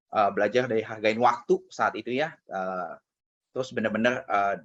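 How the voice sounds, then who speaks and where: A man's voice: fairly low pitch, a bit bright. A man giving a casual motivational talk to colleagues, telling a personal story with lots of conversational fillers. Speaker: motivational speaker. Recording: dull lo-fi recording.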